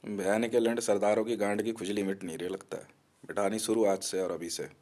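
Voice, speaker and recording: A man's voice: lowish voice, steady tone, fairly quick, darkish tone. A man delivering a threatening, abusive rant to the camera in an aggressive, mocking manner.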